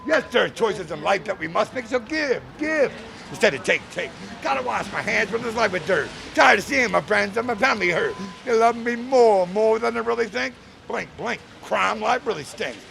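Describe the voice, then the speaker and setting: A man's voice: high voice, expressive, normal speed, gravelly, bright, forceful tone, a little hiss or hum. A man rapping a rhymed verse with a rhythmic delivery, outdoors on a city street.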